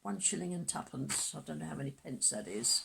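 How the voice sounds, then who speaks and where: A woman in her nineties reminiscing in a casual interview, with an aged, husky voice and a halting, self-correcting way of talking. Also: low-pitched, animated, fairly bright tone, a little hiss or hum. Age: 90s. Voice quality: husky, creaky elderly voice.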